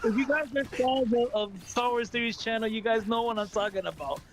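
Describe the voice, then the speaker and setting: A Brooklyn man with a New York accent, chatting on a gaming stream, excitable and laughing, repeating words and calling people "bro". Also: extremely high pitch, brisk, noisy background. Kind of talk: casual gaming stream chat.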